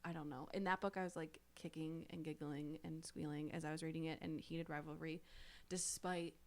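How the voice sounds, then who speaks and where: A woman with a slightly low voice co-hosting a book podcast. She gushes in an animated, giggly way and often laughs mid-sentence. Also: a little fast. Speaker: podcast co-host. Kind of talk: casual book chat.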